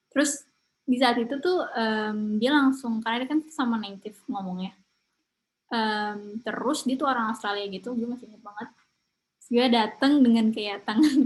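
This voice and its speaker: A woman's voice: fairly high pitch, low-quality recording. A young woman teaching an English speaking class in a casual, chatty way, dropping English words into her talk. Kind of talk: casual online lesson.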